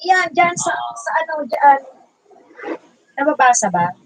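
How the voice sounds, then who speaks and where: Loud, high-voiced woman hosting a livestream. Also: sing-song, slow, creaky, rough recording. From Bicol region, Philippines. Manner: loud, chatty, greeting viewers by name. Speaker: livestream host and teacher. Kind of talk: casual livestream chat.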